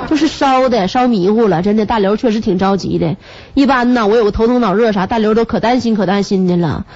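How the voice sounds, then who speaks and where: A woman's voice: mid-range voice, fast, darkish tone, a little hiss or hum. A woman radio host with a Northeastern Chinese accent and a stuffy nose from a cold, chatting in a teasing, comic monologue and laughing often. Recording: muffled radio broadcast recording.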